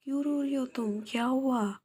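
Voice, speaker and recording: Woman playing caring young woman, gentle coaxing, a bit higher voice, mellow tone, storytelling voice. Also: moderate pace, close to an everyday voice. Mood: worried, caring. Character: caring young office-working woman comforting a friend.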